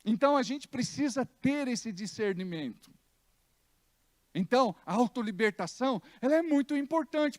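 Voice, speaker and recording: Emphatic Brazilian pastor, fairly high voice. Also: male voice, no echo, clean studio sound. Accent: Brazilian Portuguese. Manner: emphatic preaching with dramatized anecdotes. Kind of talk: sermon. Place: church.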